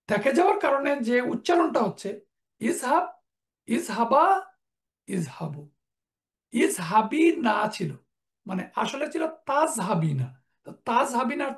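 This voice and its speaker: A woman teaching Quranic Arabic grammar in a slide lecture, working through verb conjugations in steady, orderly lists. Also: a little high. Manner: methodical, drills verb forms in lists. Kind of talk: online lecture over slides.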